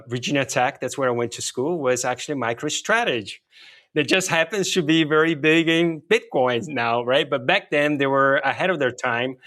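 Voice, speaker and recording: In a medium-pitched, slightly bright voice, a technology and payments executive from Brazil talks through interview questions as a guest. He is middle-aged, speaks Portuguese natively, and has a Brazilian accent. His answers are explanatory and conversational, sprinkled with "you know" and "right."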